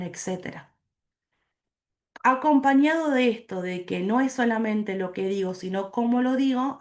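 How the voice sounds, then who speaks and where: On a video call, a woman teacher gives an online class lecture, explaining slowly and putting questions to the class. Her voice is medium in pitch.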